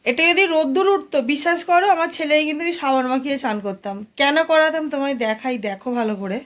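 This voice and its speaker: A woman's voice: sits high, quick pace. A young Indian woman vlogging casually at home, chatting to her viewers as friends and coaxing her toddler in playful baby talk.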